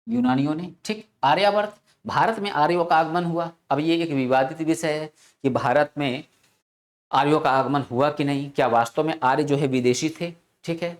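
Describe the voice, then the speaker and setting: Male teacher drilling answers by repetition. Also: a little high. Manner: asks rhetorical questions, repeats answers, frequent "theek na". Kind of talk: classroom lecture.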